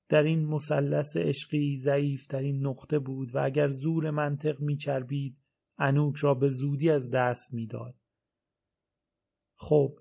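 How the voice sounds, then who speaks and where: A male narrator reads a novel aloud in the first person with a wry, dry delivery. His voice has a gravelly, creaky texture at a middle pitch. It has the steady feel of a recorded audiobook.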